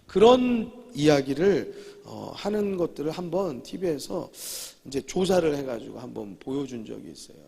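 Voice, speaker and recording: A male pastor preaching a sermon in a church, emphatic and repetitive, with sudden loud declarations. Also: fairly high pitch, very animated, normal speed, vocal fry, hardly any pauses, slightly rough. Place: church sanctuary. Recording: long reverb of a church hall.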